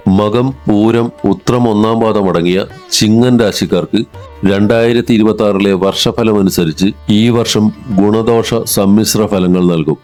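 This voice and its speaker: A man with a low voice narrates a horoscope from a script. His reading is even and formal, and soft music plays under it. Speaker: astrology narrator. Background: soft instrumental music.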